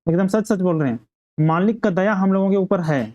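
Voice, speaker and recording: A narrator voicing an easygoing, hard-drinking village husband who pleads and tries to calm things down, retelling a play. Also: medium pitch, a little fast, muffled recording, natural voice. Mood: placating. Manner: pleading, placating.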